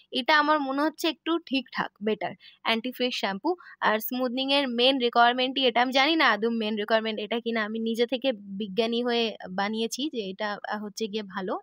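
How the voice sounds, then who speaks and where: A young woman chats with her viewers in a casual vlog monologue. Her voice is high. The recording is dry and close. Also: a bit bright, no echo. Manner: chatty, talks to the audience.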